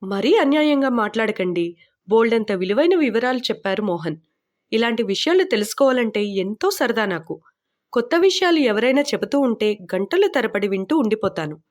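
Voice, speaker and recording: A woman's voice: a little high, very animated, normal speed. A woman reading the part of a curious, teasing young woman traveler in an audiobook, asking playful questions. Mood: earnest.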